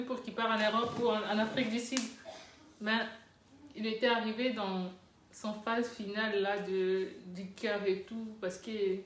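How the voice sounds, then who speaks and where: A woman from the Democratic Republic of the Congo, a mother giving a heartfelt, rambling personal account of her family and repeating herself. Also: mid-range voice. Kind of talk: casual personal testimony. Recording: roomy echo.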